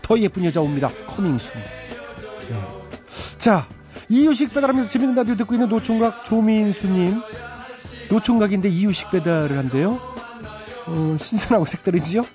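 A man's voice: high voice, animated, normal speed, warm tone. A male radio host reading out listener text messages with chatty, teasing comments. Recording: slightly dull radio broadcast with faint music.

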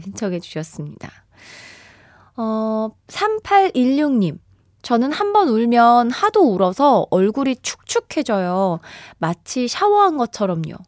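Woman radio host, 30s, playful and lively, slightly high voice, dry booth sound. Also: no room sound. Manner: bright and lively, laughs often, playful exaggerated reactions. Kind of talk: radio show hosting, reading listener messages. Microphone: studio microphone. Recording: dry studio sound with faint music bed.

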